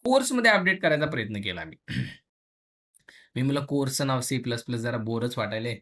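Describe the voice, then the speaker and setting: A man teaching programming in a casual classroom lesson, colloquial and chatty, slipping in English phrases and acting out the tables and students in quick asides. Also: mid-range voice, sing-song, a bit bright.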